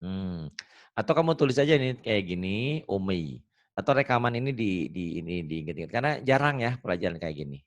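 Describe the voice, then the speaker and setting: A man's voice: deep voice, expressive, a little fast. A man teaching Quran reading in an online lesson, patient and joking, repeating words for a student to copy. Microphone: video call.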